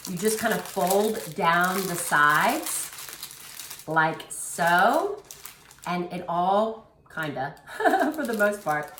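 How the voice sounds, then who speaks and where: A woman's voice: fairly low pitch, fairly bright tone, slight background noise. A woman giving a casual cooking demonstration, chatty and encouraging as she talks viewers through each step while working with her hands. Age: adult. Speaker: dietitian demonstrating a recipe. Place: kitchen. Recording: roomy, mic at a distance.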